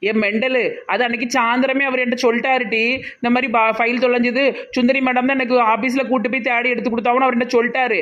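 A woman's voice: on the high side, level tone, fast talker, a bit bright, dull audio. A woman with a Tirunelveli Tamil accent, playing a brash, scolding villager in a comedy sketch.

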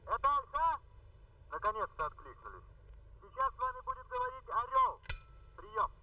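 Radio operator over a field radio, lively pitch, hissy and far off. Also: male voice, moderate pace, creaky, exaggerated voice. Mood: relieved. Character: male army radio operator on the line. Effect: over a field radio set. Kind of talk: 1960s war film acting. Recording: muffled radio voice with hiss.

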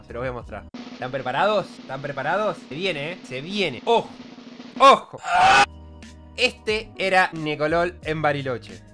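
A young man in his twenties with an Argentine accent, a streamer telling a crude, self-mocking story to his chat with lots of slang. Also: fairly high pitch. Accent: Argentine Rioplatense Spanish. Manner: animated, crude slangy banter, laughs at himself.

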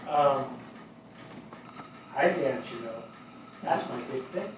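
Reading a play in a theatre before an audience, an older man voices a plainspoken, earnest New York fire captain, with colloquial, halting, emphatic speech and a mood of shy enthusiasm. His mid-range voice is animated. The mic is distant, the hall echoey and noisy.

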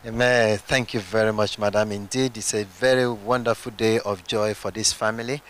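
A male church interviewer asks formal, prompting questions of people on stage. His voice sits slightly low and steady. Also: moderate pace, a little hiss or hum.

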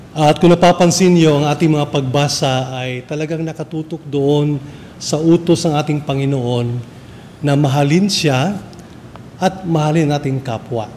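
A Filipino man, a priest, reading the Gospel and preaching at Mass in a measured, formal way, his voice carried by a cathedral echo. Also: darkish tone. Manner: measured, formal liturgical delivery. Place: large church. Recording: long church reverb, faint rumble.

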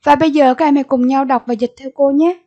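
A woman's voice: high voice, fairly even intonation, fast, dark tone, muffled recording. A Vietnamese-accented woman teacher in a recorded English vocabulary lesson, repeating each word and giving its meaning and stress.

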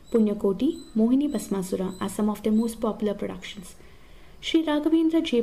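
Mellow woman narrator with a Kannada accent. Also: on the high side, gravelly. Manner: formal, measured reading from notes. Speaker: presenter. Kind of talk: scripted narration, informative lecture.

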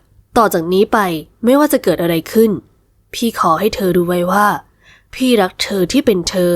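A woman voicing a sly, affectionate young husband in an audio novel, speaking low and slow. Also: expressive, no room sound, close to an everyday voice. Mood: tender teasing. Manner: low, teasing, slow and intimate. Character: sly, tender young husband, hospital patient.

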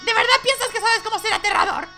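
A woman's voice: extremely high pitch, quick pace, bright, forceful tone, faint music behind, pitched above the performer's own voice. A woman voicing a tough, hot-tempered monster girl bully in an amateur game dub, brash, snapping and threatening. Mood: irritated.

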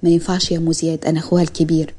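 Woman voicing a gentle young man, Egyptian Arabic accent, soft, tender, mellow, husky, storybook character. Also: deep voice, level tone, very fast. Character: gentle, successful young man, loving brother and son.

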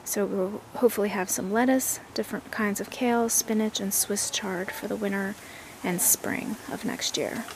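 A woman narrates a walk through her backyard garden, recorded outdoors on a handheld phone camera. Her mid-pitched voice carries a light vocal fry, and she speaks in a relaxed, admiring way with natural fillers. Faint outdoor ambience sits behind her. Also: moderate pace, hardly any pauses, noisy background. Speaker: gardener giving a garden tour. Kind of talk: casual walking tour narration.

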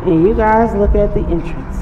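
Walking through an empty or staged house and its yard, a woman vlogger gives viewers a casual, admiring tour of a show home while filming on a handheld phone. She is short of breath and speaks at normal speed in a mid-range voice; the recording is muffled, with echoey rooms and light background noise.

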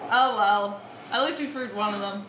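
In a let's play recording, a woman chats casually over her gameplay in a mid-range voice at normal speed. The background is noisy, the sound is roomy, and video game music runs behind her.

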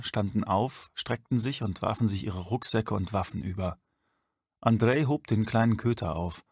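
Guy narrating a grim audiobook, measured, husky low voice, dry close sound. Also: dry recording. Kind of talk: scripted narration.

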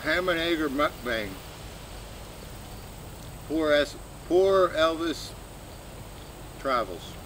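A middle-aged man chats casually and haltingly while chewing his food, rambling with trailing pauses as he eats outdoors. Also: fairly high pitch, animated. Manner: chewing and eating while talking. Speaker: vlogger. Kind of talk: casual mukbang chat addressed to one person. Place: outdoors in a shady grassy backyard. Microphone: camera a few metres away. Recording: outdoor background noise, insects, distant vehicles.

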